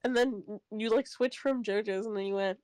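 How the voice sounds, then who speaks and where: A woman's voice: medium pitch, steady tone, moderate pace, a little mellow, smooth, dry recording. Laid-back woman chatting, dry close mic. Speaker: co-player and voice actor in the playthrough. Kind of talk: casual chat.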